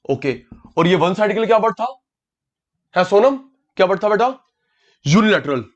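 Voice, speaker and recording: A man's voice: high-pitched, lively intonation, moderate pace, dull audio. A man teaching an online class, calling on students by name, repeating key words and mixing English terms into his talk. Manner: mixes English terms into Hindi.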